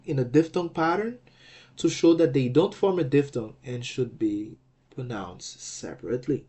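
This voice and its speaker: A man walks through a recorded language lesson at an unhurried, deliberate pace. He is patient and repetitive, checking in with "okay" as he explains each point. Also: mid-range voice, dark tone. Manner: patient, repeats words, says "okay" a lot. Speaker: teacher.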